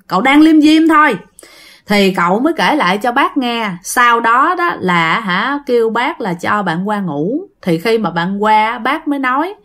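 Southern Vietnamese woman, channel host, relaxed chatty storytelling, lots of fillers, talks to listeners directly, mid-pitched. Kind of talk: casual spoken storytelling.

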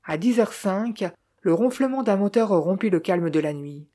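A woman narrating a novel in a steady, measured way. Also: mid-range voice. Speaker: audiobook narrator. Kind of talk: scripted narration.

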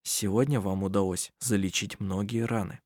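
A male audiobook reader voicing a reserved man who speaks in a low, hushed murmur. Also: animated, brisk, breathy edge, no room sound, studio quality. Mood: quiet. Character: reserved quiet man, soft-spoken.

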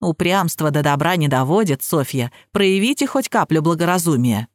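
A woman reading the part of a calm, authoritative male detective boss who speaks in measured, commanding tones. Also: a little high, no echo, clean studio sound, pitched below the performer's own voice, natural voice. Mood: probing.

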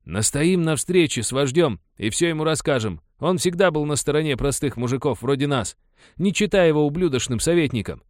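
A man's voice: fairly high pitch, animated, fairly quick, dry recording, pitched above the performer's own voice, close to an everyday voice. A fervent male miner, voiced by a man, rallies his comrades in a raised, eager voice. The sound is dry and close, like a storybook reading. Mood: rousing. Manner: fervent, rousing.

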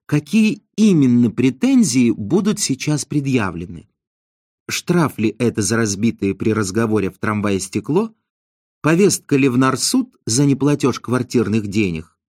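A man reads a comic novel aloud in expressive audiobook narration. His pitch moves in lively, animated swings, and the recording is close and dry with no room echo.

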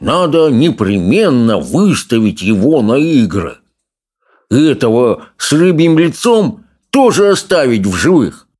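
A man reading an audiobook, voicing a fat, greedy, pompous male consul who talks in a slow, smug, chomping drawl. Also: medium pitch, sing-song, a little mellow, pitched above the performer's own voice.

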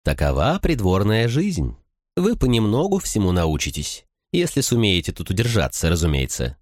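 A man's voice: fairly low pitch, huge pitch swings, normal speed, a little mellow, dry recording, clean studio sound, pitched above the performer's own voice. A man voicing a sly, smug noblewoman who gossips and schemes, talking condescendingly in an audiobook. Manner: chattering, condescending.

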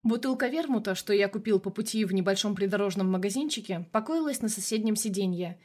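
A woman narrating an audiobook chapter in a steady, measured reading. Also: mid-range voice. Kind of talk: scripted narration.

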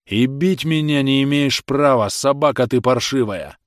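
A man's voice: mid-range voice, moderate pace, no echo, clean studio sound, lightly acted. A man voicing a defiant, stubborn peasant who raises his voice accusingly.

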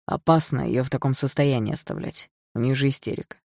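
A woman puts on a gruff, impatient male doctor, curt and sneering, pitched lower than her narration. Her tone is husky, and the sound is dry and close. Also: fairly even intonation, a little fast, darkish tone, dry recording, heavily acted. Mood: scornful.

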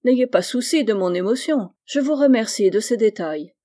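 Resolute young woman, voiced by a reader, emotional, exclaiming, mellow dark tone, storybook. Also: medium pitch, animated, normal speed, natural voice. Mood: composed. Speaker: character in a novel reading. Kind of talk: dramatic audiobook reading.

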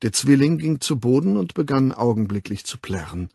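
Gravelly, husky German audiobook narrator. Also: male voice, medium pitch, no room sound, studio quality. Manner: measured, expressive reading.

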